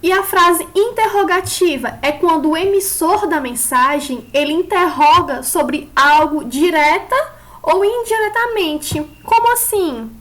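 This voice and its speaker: A woman with a very high voice teaches an online class. She explains each point step by step and keeps asking her pupils questions as she goes. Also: unhurried, a bit bright.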